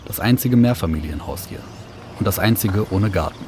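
A low-pitched man reads scripted documentary narration. He sets scenes calmly and precisely, in a clean studio recording. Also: a little hiss or hum. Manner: measured, descriptive.

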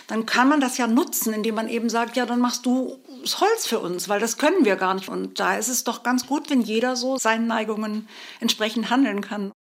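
A woman author answering interview questions thoughtfully, searching for words. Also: fairly high pitch.

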